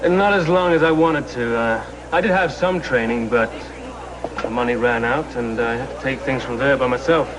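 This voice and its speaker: Actor as easygoing musician over background noise. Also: male voice, medium pitch, moderate pace, lightly acted. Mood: modest, friendly. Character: modest self-taught working musician. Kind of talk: television soap opera acting.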